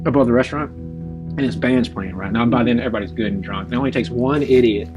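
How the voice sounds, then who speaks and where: A man's voice: medium pitch, fast, music in the background, close to an everyday voice. A man as a shiftless man, rambling, folksy, hesitant. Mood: boastful. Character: shiftless rough-talking Southern man. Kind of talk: live staged drama reading.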